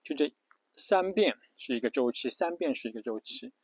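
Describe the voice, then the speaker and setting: This English pronunciation teacher speaks at medium pitch and normal speed, sounding animated with a breathy edge. His casual lesson is repetitive, full of fillers and restarts, and he spells out letters. The recording is rough with no echo.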